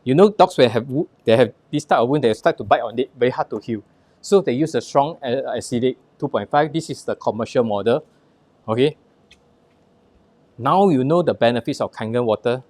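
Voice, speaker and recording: A man's voice: medium pitch, animated, brisk, a little mellow, no room sound. A man with a Singaporean accent presenting a live product demonstration, instructing the audience in short punchy phrases and rhetorical questions, with personal anecdotes mixed in.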